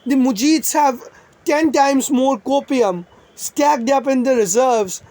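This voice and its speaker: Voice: high-pitched, takes it slowly, darkish tone, no room sound. Sarcastic young commentator ranting. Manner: profane, sarcastic, rambling. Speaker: online commentator.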